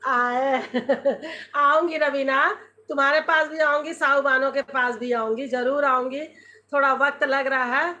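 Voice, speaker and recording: A middle-aged woman with a Chatty Chhattisgarhi accent hosts a live stream from her home, talking straight into her phone. Her voice sits high and sounds bright and clear. She moves easily between Hindi and her dialect as she greets viewers and answers their comments. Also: steady tone, normal speed, lo-fi sound.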